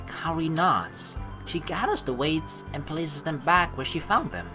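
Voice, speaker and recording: With music playing behind her, a woman who plays games for an audience mixes teasing commentary with reading the visual novel's story aloud. She has a deep voice, lively intonation and a measured pace.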